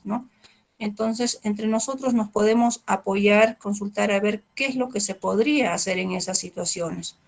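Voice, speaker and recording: Peruvian Spanish woman, middle-aged court trainer, gravelly mid-pitched voice, explanatory and patient. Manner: explanatory, with rhetorical questions and fillers. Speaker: court trainer on family law. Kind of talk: training lecture.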